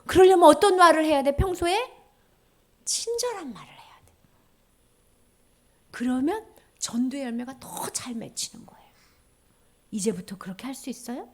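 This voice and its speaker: A woman giving a children's sermon in a church, animated, acting out little voices and dropping to a whisper for key points. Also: sits high, normal speed, pauses often. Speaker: children's ministry teacher.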